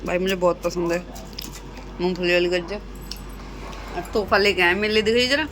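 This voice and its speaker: A woman's voice: fairly low pitch, steady tone, a little fast, fairly bright tone. Woman, home vlog, casual chatter, phone recording, noisy background. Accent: Hindi. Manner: chatty, addresses viewers as guys. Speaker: vlogger. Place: home kitchen. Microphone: phone camera.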